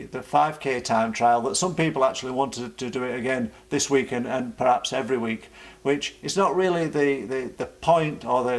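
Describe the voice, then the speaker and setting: British man, medium pitch, vocal fry, halting, repeats words, informal coaching vlog. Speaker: running coach and club vlog host. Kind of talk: informal explanatory vlog talk.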